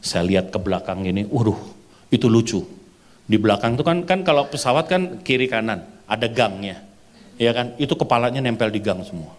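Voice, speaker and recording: A man preaching a sermon at an outdoor church service, telling a humorous story with lively acted-out dialogue and frequent laughter, with a casual touch. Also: medium pitch, brisk. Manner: animated storyteller, acts out dialogue, laughs often. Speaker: pastor.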